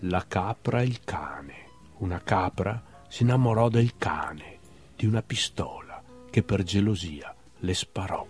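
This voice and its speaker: A man's voice: low-pitched, expressive, unhurried, faint music behind. A man reading a playful little bestiary of short love fables aloud, with a wry, humorous recital in a TV studio talk show. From Veneto, Italy. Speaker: guest poet. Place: television studio.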